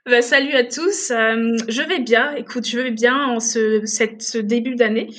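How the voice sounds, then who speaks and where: A woman's voice: fairly high pitch, steady tone, unhurried, a bit bright. Woman, late twenties, from Togo and Benin; hesitant podcast guest who restarts her sentences often. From Togo, raised in Benin. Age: late 20s. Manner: hesitant, many fillers and restarts. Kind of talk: casual podcast interview.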